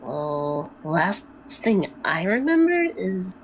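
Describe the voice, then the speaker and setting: A woman voicing an embarrassed, evasive young woman character in a tabletop game, hesitant and slow. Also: lowish voice, sing-song, muffled recording, slight background noise.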